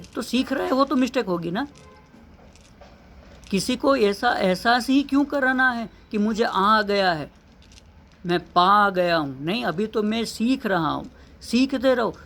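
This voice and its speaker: A man's voice: high voice, fairly bright tone. A man, an English teacher, giving an earnest motivational lesson, asking rhetorical questions and repeating key phrases.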